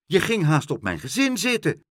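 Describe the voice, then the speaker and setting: A man's voice: mid-range voice, wildly swooping pitch, moderate pace, slightly rough, no room sound, studio quality, pitched above the performer's own voice. A man voicing a small father mouse in a storybook reading, frightened, reproachful and pleading. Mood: anxious.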